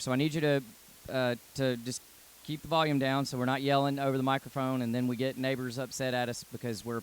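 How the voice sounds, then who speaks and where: A man, working as a youth pastor, addressing a youth group live. He is loud and energetic at first, then earnest and lower. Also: clean tone.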